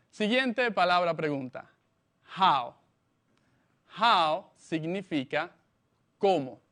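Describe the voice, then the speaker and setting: Slow, deliberate male English teacher. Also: sits high, a bit bright. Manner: slow, deliberate, spells words letter by letter. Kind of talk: slow classroom lesson for children.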